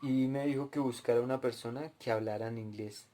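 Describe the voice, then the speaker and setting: Dark-voiced man preaching a testimony. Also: medium pitch, fairly even intonation, fairly quick. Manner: storytelling, addresses listeners directly. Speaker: preacher at a cell group. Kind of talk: testimony and Bible teaching.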